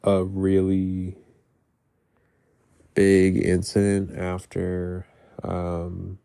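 Gravelly, congested low-voiced man. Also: monotone, dark tone. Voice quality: gravelly, phlegmy throat. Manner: halting, rambling, heavy use of "like"; casual swearing. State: sick, congested with mucus in throat. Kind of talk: casual personal diary-style talk.

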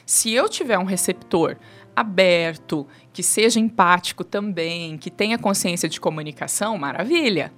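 A Brazilian-accented woman in her thirties, her voice on the low side, appears as a guest on a three-person studio talk show. She explains communication at a normal pace, animatedly acting out quoted lines, with faint music playing behind her.

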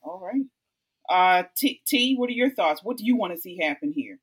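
A woman's voice: lowish voice, animated, normal speed. A woman hosting a panel debate, direct and pressing guests with repeated questions. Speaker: host, debate moderator. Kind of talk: moderating a panel discussion.

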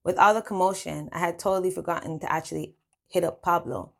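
A woman's voice: fairly low pitch, steady tone, fast, vocal fry. A woman reading her own first-person story in a casual, slangy way. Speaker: narrator.

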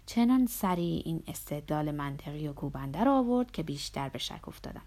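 A woman with a deep, low voice reads a novel aloud. Her narration is steady and measured, in an audiobook storytelling style.

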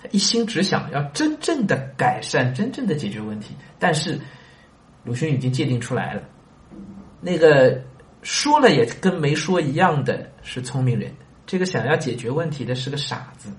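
Lively male storyteller in an echoey room. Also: mid-range voice, fairly quick. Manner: conversational, asks listeners rhetorical questions. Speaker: reader and commentator on a classic story. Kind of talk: storytelling lesson with commentary.

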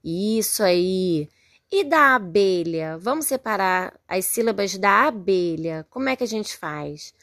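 Slow, patient Brazilian woman teacher. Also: mid-range voice, expressive, fairly bright tone, no echo, studio quality. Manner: patient, spells words out syllable by syllable, frequent praise. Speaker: primary school teacher. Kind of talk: recorded remote lesson for young children.

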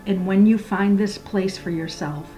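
Slow, soft, hushed woman guiding meditation. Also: medium pitch, fairly even intonation, faint music behind, low-quality recording. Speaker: guided meditation leader. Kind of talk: slow guided meditation and prayer.

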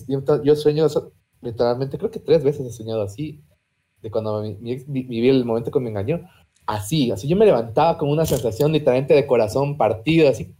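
Mellow-voiced young man. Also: on the high side. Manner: swears freely, recounts dreams. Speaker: podcast co-host. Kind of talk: casual chat.

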